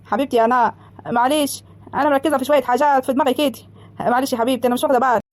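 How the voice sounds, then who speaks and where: A woman with an Egyptian accent voicing a sharp-tongued, meddling village mother in an animated comedy, brisk and reproachful. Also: high voice, no room sound, natural voice. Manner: brisk, reproachful, quick retorts.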